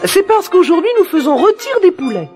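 Brief: shrill impatient princess for a children's story tape, high and lively over music. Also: male voice, brisk. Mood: brisk. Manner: shrill, exclamatory, theatrical. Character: young adult princess, impatient, giggly. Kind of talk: storybook reading. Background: music bed.

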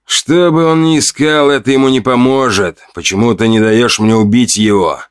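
A man's voice: mid-range voice, fairly even intonation, moderate pace, clean tone, no room sound, pitched above the performer's own voice, natural voice. A man voicing a mocking, hostile hunter in an audiobook, with a taunting, sneering tone. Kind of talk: audiobook character voice.

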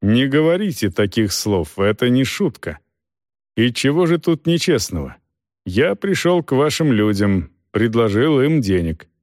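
Man doing a calm stern knight, flat and unbothered, lively pitch though. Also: measured pace, no echo, studio quality. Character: calm, cool-headed knight commander. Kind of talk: audiobook character voice.

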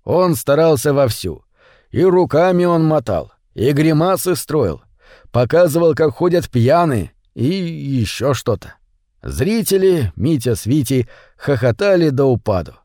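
A man narrating a children's story audiobook in an expressive storytelling manner. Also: on the high side, measured pace, no room sound, studio quality.

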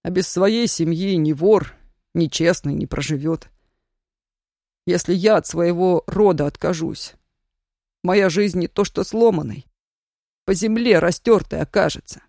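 A reader voices a young Roma man, stubborn and earnest, who picks every word with slow care. The voice sits at a middle pitch and sounds dry and close, with no room around it, like a plain storybook reading. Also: mellow, no room sound, close to an everyday voice. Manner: slow, weighing each word.

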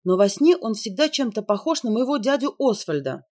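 A woman voicing a sharp young woman who speaks bluntly and matter-of-factly, with a dry wit. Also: a little high, big pitch swings, a little fast. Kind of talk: audiobook character reading.

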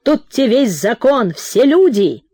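A woman reading the part of a drunken, reckless rich merchant hosting a feast, loud and boastful. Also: a little high, very animated, takes it slowly, slightly rough, no room sound, studio quality, voice pushed up, exaggerated voice. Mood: rowdy. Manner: rowdy, boastful, shouting.

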